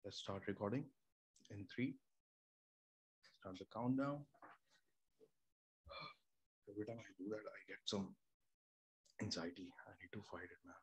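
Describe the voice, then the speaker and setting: Hosting a casual home studio tutorial by screen share, a young Indian-accented man explains recording step by step, full of fillers and restarts. His lowish, slightly rough voice keeps fairly even intonation, moves a little slowly, and has long pauses. Recorded on a studio mic through an audio interface in a small room near an air conditioner and fridge, it sounds muffled, with faint room hum.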